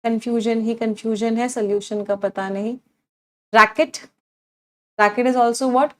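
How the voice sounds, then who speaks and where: Speaking at a measured pace with fairly even intonation, a higher-voiced woman leads an online English vocabulary lesson, repeating her cues as she drills words and putting questions to her students.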